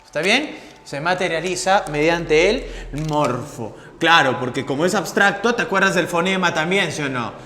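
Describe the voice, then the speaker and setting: Echoey high-voiced teacher. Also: male voice, lively intonation, moderate pace, sharp tone, slight background noise. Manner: repeats key phrases and checks in with "¿ya?" and "¿no?". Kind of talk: classroom lecture. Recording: echoey room with long reverb.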